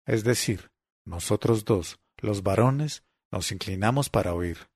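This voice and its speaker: A man reading a literary story aloud in a measured, deliberate way. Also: on the low side, darkish tone, husky, no echo, studio quality. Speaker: narrator. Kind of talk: literary audiobook narration.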